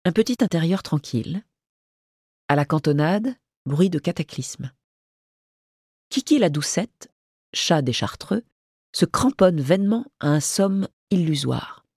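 A narrator reading a story aloud in a measured, theatrical way. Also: mid-range voice, lively intonation, darkish tone, husky, no room sound, clean studio sound. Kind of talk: scripted narration.

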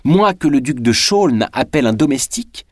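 A man's voice: mid-range voice, animated, moderate pace, dry recording, studio quality, pitched above the performer's own voice, close to an everyday voice. A man voicing a proud, ambitious young man of peasant birth in an audiobook reading. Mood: proud, bitter.

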